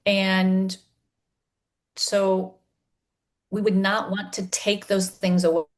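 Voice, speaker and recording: A middle-aged woman, a dyslexia facilitator, explains her method on a video call, pausing often with ums and restarts. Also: medium pitch, little pitch movement. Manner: hesitant, many ums and restarts.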